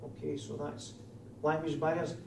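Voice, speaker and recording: Man, broad Scottish accent, slightly high voice, trainer questioning a class, roomy echo. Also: level tone, normal speed, vocal fry. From Scotland. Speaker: trainer of door supervisors. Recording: distant mic, echoey room, faint noise.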